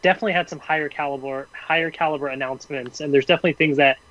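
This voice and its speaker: Higher-voiced man, hedging podcast chat. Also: steady tone, racing, fairly bright tone. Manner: hedging, thinks aloud with many "I think" and "you know". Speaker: podcast co-host. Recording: dull, muffled sound.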